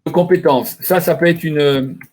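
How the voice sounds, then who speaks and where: A man's voice: a little high, fairly even intonation, normal speed, darkish tone, a little hiss or hum. A man presenting an online training webinar, talking over a computer mic and explaining by asking himself questions. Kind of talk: live online training talk.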